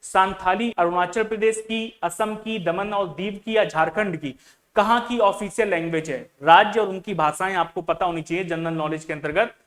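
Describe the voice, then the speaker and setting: A man's voice: high voice, moderate pace, a bit bright. A man teaching an exam-prep reasoning lesson, asking his students questions and repeating key words, with English terms mixed into his speech.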